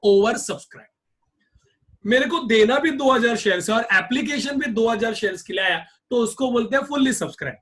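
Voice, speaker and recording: A man's voice: very high voice, fairly bright tone. A male accounts teacher giving a classroom lecture, drilling his students with repeated questions.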